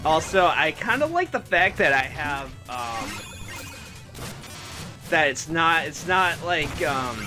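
A man's voice: a little high, sing-song, takes it slowly, over music. A man hosting a let's play, chatting casually over gameplay, rambling and stammering and poking fun at himself. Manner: rambling, stammering, self-deprecating.

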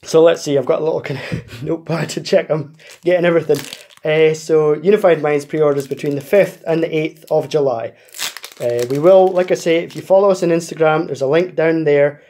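Sitting at a table indoors, a British man runs a card-opening video, tearing into packs and talking through pre-orders in a relaxed way. His voice is fairly high, mellow, and a bit quick.

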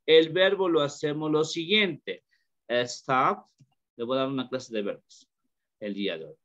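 Hombre profesor de inglés, habla lento. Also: male voice, medium pitch, fairly bright tone. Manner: slow, repeats questions to students, mixes English into Spanish. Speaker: English teacher. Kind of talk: online class lesson. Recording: dull lo-fi call audio.

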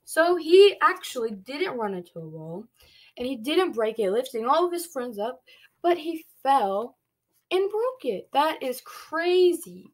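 In a low-quality recording, a young woman with a high voice and big pitch swings reads a picture book a little slowly to small children. She's a preschool read-along storyteller in a small, dim bedroom indoors, stopping to explain and ask questions.

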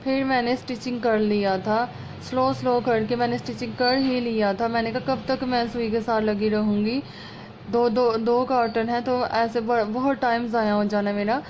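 A sewing channel host talks through a step-by-step tutorial at her home work table, chatty and homely, explaining as she works. Her somewhat high voice is slightly hoarse with a rasp from a sore throat, steady in tone, darkish, and at normal speed. Audio comes from a phone camera over her hands: muffled, lo-fi, with faint room noise.

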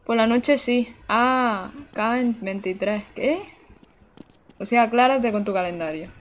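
A woman's voice: fairly high pitch, slow pace, a little hiss or hum. A young woman from Barcelona streaming a video game live, chatting with viewers in a casual, exclamatory, giggly way, speaking into a desk mic indoors. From Barcelona, Spain. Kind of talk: casual live-stream chat while gaming. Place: indoor room.

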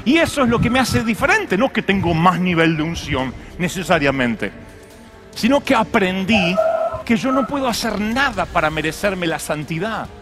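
A man's voice: sits high, moderate pace, music in the background. A man preaching a humorous sermon as a pastor, telling stories and acting out voices. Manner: animated storytelling with acted voices and jokes.

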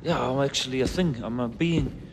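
A man voicing a gentle, chatty male rock creature in a laid-back New Zealand accent. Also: medium pitch, normal speed, vocal fry, reverberant, slight background noise, lightly acted. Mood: friendly.

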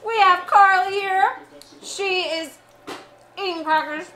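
A woman's voice: extremely high pitch, takes it slowly, pushed and bright. A woman in her thirties casually hosting a family challenge video, recorded across a table at home. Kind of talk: casual vlog chat. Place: home dining room. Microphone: camera across the table.

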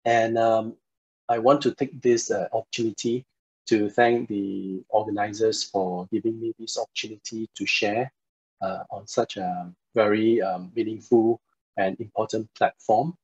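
Fairly low-pitched with a darkish, slightly rough tone, this man in his forties from Singapore lectures a university class online in a flat, unhurried way. He is polite and hesitant, using many fillers, and his computer mic on the video call yields dull, lo-fi audio.

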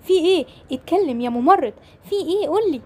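A woman's voice: extremely high pitch, animated, warm tone. A woman with an Egyptian accent voicing a young father who consoles his wife after losing a twin, in a toy-game role-play drama. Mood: shocked, consoling. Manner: earnest, comforting, fast and repetitive.

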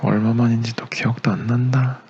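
A young man acting as a gentle, doting boyfriend in a romantic ASMR role-play, a tender leading man with a soothing, murmured, partly whispered delivery. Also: medium pitch, level tone, brisk, breathy edge, lo-fi sound. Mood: soft, content. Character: doting, gentle young boyfriend caring for his sick girlfriend.

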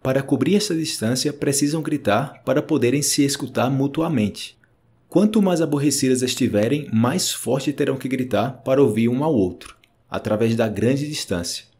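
Guy with a brazilian accent doing a wise old thinker, calm measured lesson voice. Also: medium pitch, lightly acted. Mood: earnest teaching. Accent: Brazilian Portuguese. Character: wise old male thinker teaching students.

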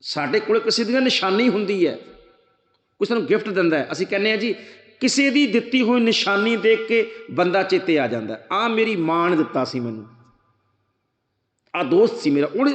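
A man with a Punjabi accent giving a sermon to a congregation, earnestly explaining and chanting scripture slowly. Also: sits high, animated. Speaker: Sikh preacher giving katha. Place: gurdwara hall with congregation. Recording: echoey hall reverb.

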